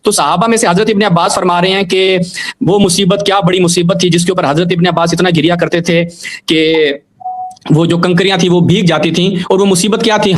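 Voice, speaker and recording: A man pressing his point in a heated religious debate, his voice sitting high. He argues insistently and keeps reciting Arabic quotations to back himself up. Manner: insistent, argumentative, quotes Arabic texts. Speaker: debate guest.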